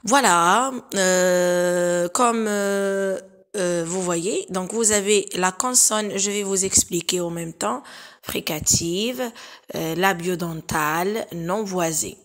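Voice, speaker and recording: Slow, hesitant woman teaching a lesson. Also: fairly low pitch, fairly bright tone. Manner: hesitant, with frequent filler pauses and restarts; repeats each example phrase slowly and patiently. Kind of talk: explaining exam exercises in a recorded lesson.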